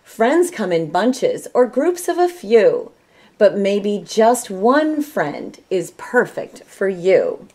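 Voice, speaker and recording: Picture a middle-aged woman from Michigan with an American Midwestern accent, reading a children's story aloud at an unhurried pace with animated intonation. Her voice is mid-range. She's indoors, in a small room at home.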